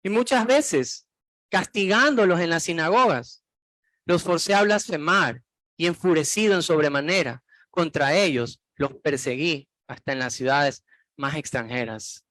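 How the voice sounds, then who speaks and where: A man's voice: fairly high pitch, unhurried, fairly bright tone, no echo. A man preaching a sermon as pastor, reading Bible verses aloud and putting many questions to the congregation.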